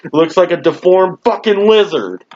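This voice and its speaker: A man rants in a fairly high voice, dragging out his words slowly and swearing at almost every turn. He sounds fed up and throws in mocking laughs. The sound is dull and lo-fi, like a cheap mic at home. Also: expressive. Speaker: wrestling show reviewer. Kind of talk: profane ranting review. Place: home room.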